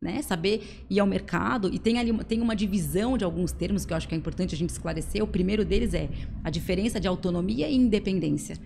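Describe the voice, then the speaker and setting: A woman's voice: mid-range voice, fast talker, gravelly, few pauses, background noise. A Brazilian woman, a middle-aged occupational therapist, explaining ideas step by step with simple everyday examples in a podcast interview recorded at a clinic. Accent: Brazilian Portuguese. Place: clinic room.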